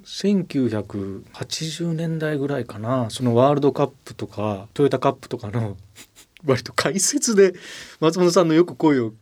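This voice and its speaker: A man's voice: medium pitch, moderate pace. Male radio host, easygoing questions. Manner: relaxed, asking questions with easy laughs. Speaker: radio host, newspaper editor. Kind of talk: radio studio talk.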